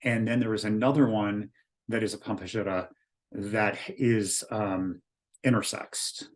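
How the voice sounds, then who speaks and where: A man with a fairly low-pitched voice gives an informal spoken lecture. He speaks as an author and spiritual teacher, earnest and explanatory. His delivery is hesitant, with frequent ums and self-corrections. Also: steady tone, unhurried.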